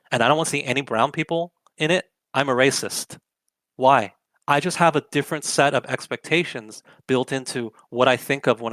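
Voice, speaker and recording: A man's voice: fairly high pitch, fairly bright tone, no room sound. A young adult man hosting an opinionated commentary show, arguing emphatically with lots of rhetorical questions. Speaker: political commentary host.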